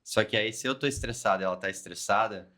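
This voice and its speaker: Male host, Brazilian accent, lowish voice; casual, halting delivery. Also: sharp tone. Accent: Brazilian Portuguese. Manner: casual, hesitant, repeats words while thinking. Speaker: podcast host. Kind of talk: podcast conversation.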